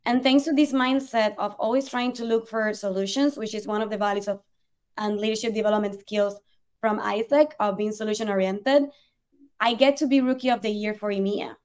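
As an interview guest, she earnestly shares her story in a conversational way, her fairly high voice sounding smooth. She is a young woman from Puerto Rico who speaks Spanish natively and has a Puerto Rican accent.

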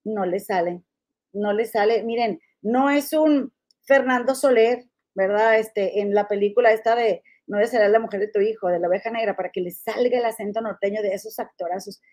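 A woman's voice: medium pitch, normal speed, darkish tone. A middle-aged woman from Monterrey with a Monterrey Mexican accent, chatting casually as a gossip podcast host and calling her listeners comadres. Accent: Monterrey Mexican Spanish.

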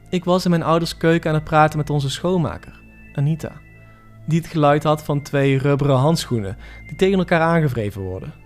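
A man reading a dramatic first-person horror story for a podcast, measured and tense. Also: a little high, darkish tone. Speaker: podcast narrator. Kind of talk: scripted horror story narration.

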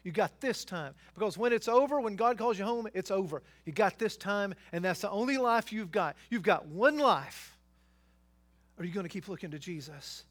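A man preaching a sermon as pastor, emphatic and exhorting, building to loud exhortations and rhetorical questions. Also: sits high, lively intonation, moderate pace.

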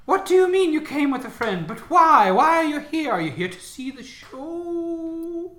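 A man voicing an unearthly, unseen showman spirit in a tabletop game, grandly declaiming in drawn-out phrases. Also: very high-pitched, sing-song, fairly bright tone, roomy sound, voice pushed up, exaggerated voice. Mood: theatrical, probing. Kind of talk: tabletop role-play voice acting.

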